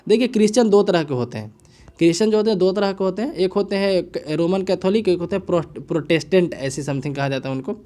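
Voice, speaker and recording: A man's voice: high-pitched, lively intonation, dark tone. A man teaching current affairs, explaining news stories casually and often checking in with his listeners. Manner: casual, repetitive, frequent "है ना" and "ठीक है" checks; mixes English phrases into Hindi, reads headlines haltingly. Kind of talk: explaining news analysis to students.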